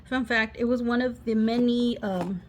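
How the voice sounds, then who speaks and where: With a fairly high, fairly even voice at normal speed, a woman craft vlogger shows off her crafts in her living room while a washing machine churns nearby. Her casual talk rambles, loses the thread, and breaks off into self-interruptions and giggly asides.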